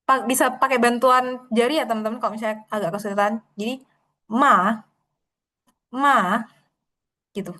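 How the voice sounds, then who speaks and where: A woman tutoring an online Mandarin class, patiently explaining and modelling tones with drawn-out syllables over a video call. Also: fairly high pitch, steady tone, a bit bright.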